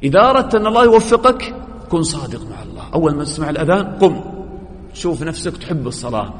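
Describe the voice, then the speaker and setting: A man teaching a religious lesson to young students, quizzing the class, praising their answers and swinging between loud emphasis and quiet asides. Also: on the high side, animated, fast. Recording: long reverb, faint background noise.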